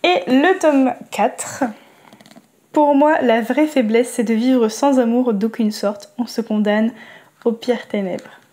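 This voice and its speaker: A young woman talking casually about books and reading quotes aloud slowly, hesitating often with fillers. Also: a little high, darkish tone. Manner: hesitant, many fillers, reads slowly and carefully. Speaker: book vlogger.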